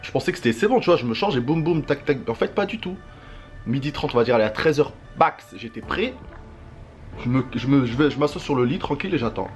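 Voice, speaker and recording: A young man tells his story casually to the camera after wisdom teeth surgery, with normal, unimpaired speech. His voice sits at a medium pitch and his delivery is full of slang and vivid filler sounds. Music plays in the background. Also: fast. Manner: slangy, animated retelling with sound-effect words. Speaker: vlogger.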